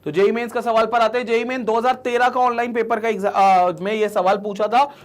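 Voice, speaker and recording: A woman giving an exam-prep chemistry lecture. She mixes English terms into her speech, reads questions out slowly and repeats each answer. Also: fairly high pitch, fairly even intonation. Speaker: chemistry teacher.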